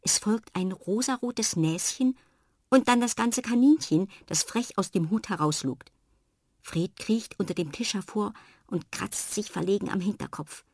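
A woman narrating a children's story in a calm, expressive reading voice. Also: mid-range voice, measured pace, no room sound, studio quality.

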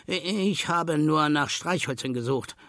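A man's voice: a little high, slow, a bit bright, no echo, studio quality, pitched above the performer's own voice. A man voicing a sly, lazy fox that grumbles and schemes in a storybook reading. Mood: grumbling. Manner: grumbling, wheedling.

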